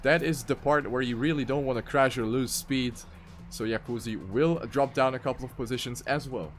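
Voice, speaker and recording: This esports caster speaks briskly in a mid-range voice, with soft music in the background, as he calls an online racing game tournament live. His play-by-play is excitable and jumps sharply on crashes and mistakes.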